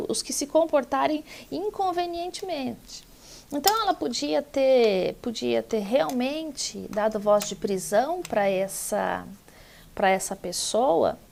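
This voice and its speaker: A middle-aged woman law lecturer telling a courtroom anecdote in a casual, animated way, acting out the people she quotes. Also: sits high, gravelly. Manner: animated storytelling, acts out quoted voices.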